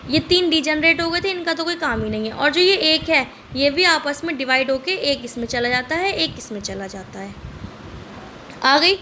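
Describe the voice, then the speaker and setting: A woman's voice: high-pitched, animated, normal speed, bright, forceful tone, slight background noise. A woman teaching a class who keeps asking her students questions and answering them herself. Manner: repeats questions back to students. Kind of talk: lecture.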